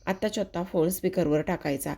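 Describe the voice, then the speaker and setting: A woman's voice: on the low side, fast talker, mellow. Woman reading as a stern scolding brother. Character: stern angry older brother giving orders.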